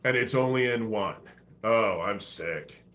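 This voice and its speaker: Sick with a stuffy head cold, the man running this live stream talks in a rambling, profane, offhand way. His voice sits on the low side, with a fairly bright tone and an unhurried pace.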